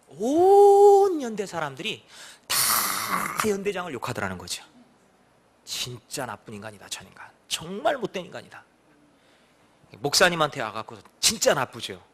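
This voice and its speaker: A male pastor giving a sermon, telling stories and acting out the voices of the people in them. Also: on the high side. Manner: animated, acts out quoted voices. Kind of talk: sermon with storytelling.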